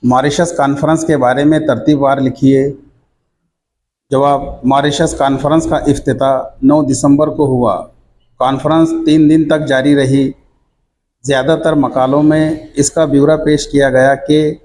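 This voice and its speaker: Man teacher, measured dictation, mid-pitched voice, reading questions and answers. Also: little pitch movement, darkish tone, a little hiss or hum.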